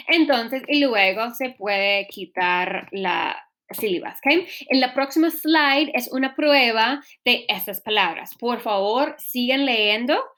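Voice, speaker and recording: A woman's voice: a little high, a bit bright. A young woman teaching a recorded lesson, switching between two languages and checking in patiently with her students.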